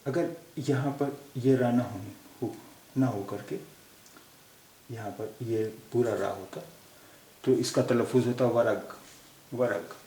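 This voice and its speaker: A man teaching a language lesson, repeating each word slowly to show how it is pronounced. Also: mid-range voice, steady tone, warm tone. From India. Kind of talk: slow explanatory lesson. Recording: echoey room with faint hiss.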